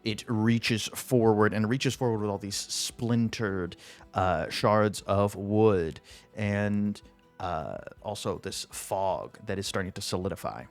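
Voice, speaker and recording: A man narrating a tabletop fantasy game as game master, telling it with suspense and deliberate pauses. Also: fairly low pitch, faint music behind.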